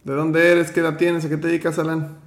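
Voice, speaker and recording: A man's voice: a little high, level tone, brisk, echoey room. A man hosting an online finance workshop, teaching with motivation and firmly running roll call. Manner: firm, direct, gives instructions.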